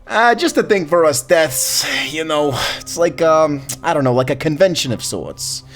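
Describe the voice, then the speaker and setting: A man voicing a flirty, jovial Grim Reaper, wildly animated. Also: fairly high pitch, normal speed, soft background music, lightly acted. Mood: casual, flirty. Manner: folksy slangy drawl, joking and teasing. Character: jovial flirtatious male Grim Reaper, morbidly joking, folksy. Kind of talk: fantasy audio roleplay acting.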